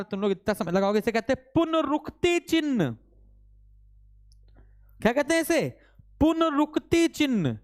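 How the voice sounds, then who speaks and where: A man teaching a live online grammar class, constantly quizzing his students with quick repeated questions and urging them to answer fast. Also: very high voice. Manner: urges students to answer fast, mock-scolding; reads out student names from chat.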